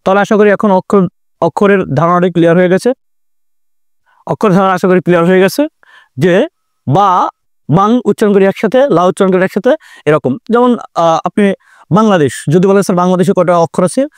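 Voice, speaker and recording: A man's voice: sits high, smooth, no echo, studio quality. A man teaching an online grammar lesson, repeating key points and drawing out words for emphasis. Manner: repetitive, explanatory, drawn-out emphasis.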